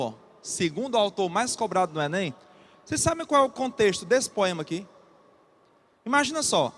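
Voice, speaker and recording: A man's voice: high voice, a bit bright, a little hiss or hum. A Brazilian man teaching an exam-prep literature class, reading a poem aloud and then explaining it with frequent checks to the students. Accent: Brazilian Portuguese. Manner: repeats key terms slowly for students to note.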